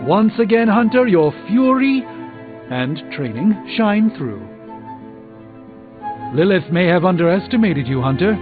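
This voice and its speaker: An actor playing an erudite, wry sorcerer doctor in a video game, articulate and formal with a slightly pompous, dry wit. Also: male voice, sits high, very animated, measured pace, pauses often. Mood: impressed. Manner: articulate, formal, dryly witty. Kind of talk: scripted video game character dialogue. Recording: tinny band-limited game audio over music.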